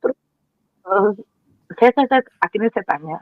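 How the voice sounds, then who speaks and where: A woman telling her personal story with animated emotion, acting out what people said and repeating words as she goes. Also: mid-range voice, normal speed, dry recording. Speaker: guest sharing her conversion story. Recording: dry, tinny phone-like sound.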